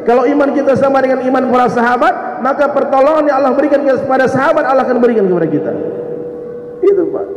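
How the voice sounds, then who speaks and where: A man preaching a mosque sermon, animated, speaking straight to his listeners and acting out the stories. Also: extremely high pitch, fast, a little hiss or hum. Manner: animated, addresses listeners directly, acts out quotes. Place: large mosque hall. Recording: echoey hall, muffled sound.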